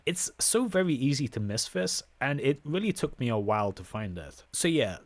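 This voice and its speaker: A man narrates his playthrough of a horror game with dry sarcasm and exasperation. His pitch swings widely as he reacts. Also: dry recording. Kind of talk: gameplay commentary.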